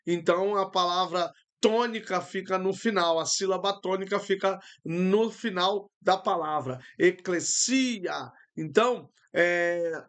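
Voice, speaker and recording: A Brazilian pastor in middle age leads a live-streamed Bible lesson from his computer. His voice sits high and moves slowly and deliberately. He explains Greek terms patiently, filling pauses as he thinks. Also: a bit bright. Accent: Brazilian Portuguese.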